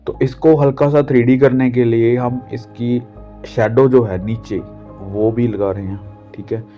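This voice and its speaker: A man from India talks through a drawing lesson patiently, pausing on fillers as he explains each step. His voice is mid-pitched. The audio is dull and lo-fi, with soft music underneath. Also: fairly even intonation. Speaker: art teacher. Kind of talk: drawing tutorial talk. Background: faint background music.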